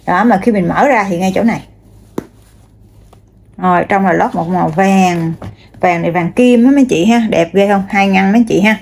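A woman's voice: mid-range voice, normal speed, creaky, long pauses, darkish tone, slight background noise. A woman, showing bags one by one and chatting straight to her viewers, with many fillers. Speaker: online seller. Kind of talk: casual product showcase.

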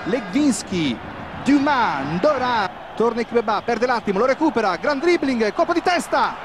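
An Italian man giving live football commentary with excited, urgent goal calls in short breathless bursts. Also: very high-pitched, moderate pace. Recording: noisy old TV broadcast, stadium din. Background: loud stadium noise.

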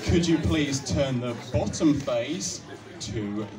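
A man's voice: medium pitch, expressive. A young man on an outdoor stage at night, politely giving step-by-step instructions into a handheld mic. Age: young adult. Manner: patient, polite, slow instructions with soft laughs. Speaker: instructor guiding a cube solve. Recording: distant mic with crowd and music.

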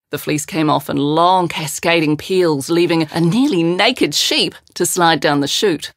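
A woman with a New Zealand accent reads a children's story, giving the characters expressive little voices. Her voice sits a bit low. The recording is close and dry. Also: no echo. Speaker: narrator. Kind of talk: storybook narration.

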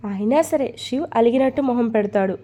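Warm-voiced woman narrating a story. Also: on the high side, quick pace.

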